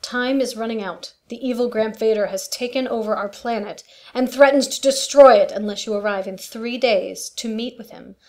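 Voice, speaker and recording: A woman's voice: on the high side, normal speed, few pauses, a little mellow, natural voice. A woman playing an anxious queen and mother in a family radio play, earnest, urgent and formal. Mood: pleading.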